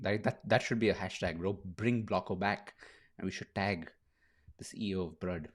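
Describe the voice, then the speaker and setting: A man's voice: sits low, normal speed. A young man hosting a casual livestream, chatting loosely, laughing often and saying bro and dude a lot. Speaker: streamer host.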